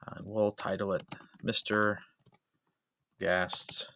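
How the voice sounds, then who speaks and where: A man's voice: on the low side, flat delivery, slow, pushed and bright. A male history teacher narrating a screen-recording tutorial as a voice-over, explaining each step methodically with frequent "uh" and "um" fillers.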